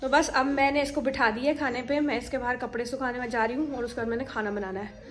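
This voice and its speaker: A woman's voice: fairly even intonation, fast talker, fairly bright tone. A young woman vlogging at home as a mother, chatting casually and mixing in English words. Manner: chatty, switches to high sing-song voice with her child. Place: home kitchen. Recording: echoey room with faint household noise.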